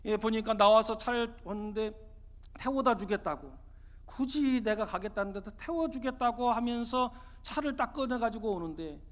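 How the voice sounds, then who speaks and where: A man preaching as pastor, telling a story in an animated, dramatic way with emphatic exclamations. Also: high voice, normal speed. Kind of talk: sermon with storytelling.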